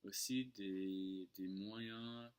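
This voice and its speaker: A man with a fairly low voice and an American accent speaks French as a second language. His delivery is casual storytelling, with hesitations and small slips in grammar, as a native English speaker would make. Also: steady tone, drawn-out words, darkish tone, smooth. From United States. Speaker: French tutor and online video creator.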